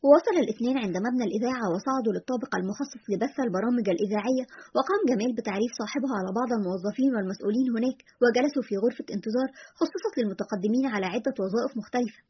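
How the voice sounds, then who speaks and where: A woman tells a story at a breakneck pace. Her voice sits slightly high and sounds husky and breathy. The recording is dull and lo-fi. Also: racing. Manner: reads narration and voices the characters' dialogue. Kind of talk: dramatic story reading.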